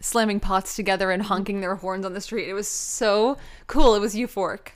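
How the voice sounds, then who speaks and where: A woman's voice: medium pitch, fairly even intonation, normal speed. A woman in casual chat, bantering playfully with her co-host.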